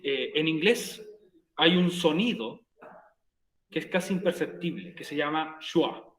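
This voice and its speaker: A Chilean male teacher guiding students through English grammar, repeating each word and question. His voice sits on the high side for a man. The room around him rings with a noticeable echo. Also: a little slow. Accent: Chilean Spanish. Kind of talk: recorded virtual class, explaining grammar in Spanish.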